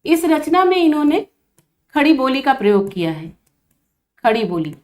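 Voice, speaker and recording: A woman's voice: high-pitched, big pitch swings, normal speed, darkish tone. A woman teaching an online exam-prep lesson, asking questions aloud and repeating key answers with stress for her students. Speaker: Hindi teacher for exam preparation.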